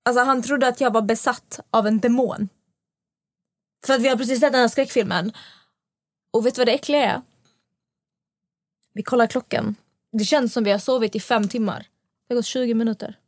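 A young woman hosting a casual podcast, telling a story with lively quoted dialogue. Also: fairly high pitch, pauses often, dry recording, clean studio sound. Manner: animated storytelling, acting out quotes. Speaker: podcast host.

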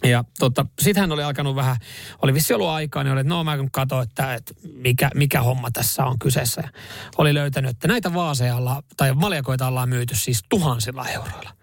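A man's voice: mid-range voice, vocal fry, no echo, clean studio sound. A man hosting a casual chat show, rambling and laughing easily as he tells stories. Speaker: radio show host.

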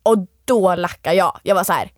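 A young woman with a fairly low-pitched voice, recorded at studio quality with no room sound, is a guest in an interview. Once a reality show contestant, she tells an energetic, animated story and acts out other people's quoted lines.

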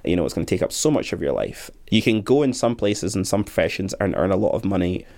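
A man's voice: deep voice, animated, fast talker, a little mellow. A young man who teaches primary school, talking earnestly and thoughtfully about his work in an interview. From Scotland. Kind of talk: reflective interview talk.

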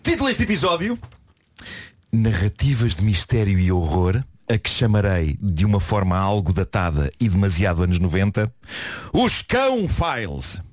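A man's voice: lowish voice, sing-song, moderate pace, a little mellow. A man with a European Portuguese accent co-hosting a comedic radio show, theatrically indignant.

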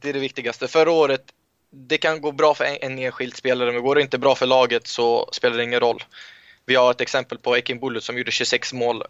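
A young footballer in a casual interview, telling stories with many halting restarts. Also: male voice, mid-range voice, fairly bright tone, clean tone, no echo. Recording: muffled lo-fi sound, dry.

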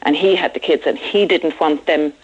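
A woman's voice: low voice, moderate pace, breathy edge. A woman calling a radio show over a landline phone, speaking earnestly and hesitantly with many fillers and restarts. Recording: dull lo-fi landline line.

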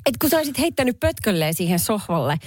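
A woman co-hosting a radio show, chatting in an expressive, bantering way from a studio. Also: on the high side, dry recording. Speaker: radio co-host. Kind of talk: casual on-air chat. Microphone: studio microphone.

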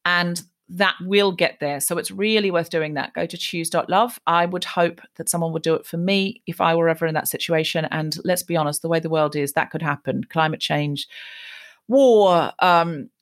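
Lively storytelling woman, low voice. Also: normal speed. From Australia. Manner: animated, lively anecdotes. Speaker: guest. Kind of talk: conversational storytelling.

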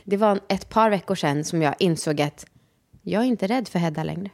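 A woman's voice: on the low side, vocal fry. A woman in her thirties hosting a podcast, talking candidly and animatedly about life with her baby, laughing often. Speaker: podcast host and new mother. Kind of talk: casual podcast chat.

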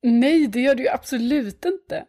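A woman's voice: high voice, mellow. Supportive woman co-host chatting. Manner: supportive, many short agreeing replies. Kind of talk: casual podcast chat.

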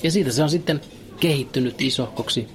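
Dry, mid-pitched man telling comic stories. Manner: dry, ironic storytelling. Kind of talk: deadpan comic monologue.

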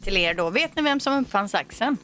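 A woman's voice: medium pitch, lively intonation, a bit bright. A woman co-hosting a morning radio show, reading out facts and tips in a chatty way. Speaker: radio co-host. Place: radio studio.

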